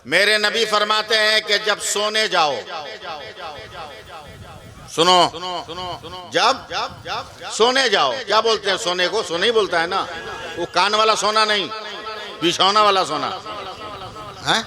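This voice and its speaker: A high-pitched Islamic preacher from West Bengal delivers a sermon at an open-air gathering, speaking slowly and repeating himself. He quizzes the crowd and slips in jokes between points, all over loud crowd noise.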